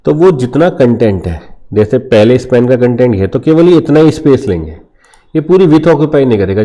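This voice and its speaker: Mellow-voiced man teaching a coding lesson. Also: lowish voice. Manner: explains step by step, asks and answers imagined student questions. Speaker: programming teacher. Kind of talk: screen-share coding tutorial.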